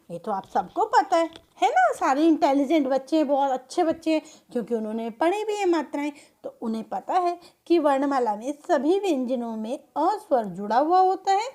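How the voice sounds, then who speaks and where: A woman's voice: high-pitched, warm tone. A woman teaching young children a grammar lesson, patiently asking questions and answering them herself. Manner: patient, coaxing, calls pupils "beta", asks and answers own questions.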